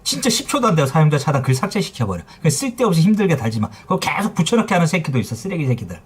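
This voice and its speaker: A man's voice: on the high side, big pitch swings, very fast, husky. A middle-aged man running a phone repair shop livestream, telling heated stories in a blunt, profane way. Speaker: phone repair shop owner streaming live. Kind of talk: casual livestream rant.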